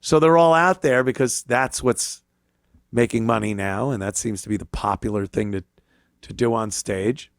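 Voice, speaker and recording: A man's voice: mid-range voice, normal speed, no echo, studio quality. A man hosting a talk show, giving a casual opinion monologue in a blunt, profane, jaded manner. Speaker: talk show host, comedian.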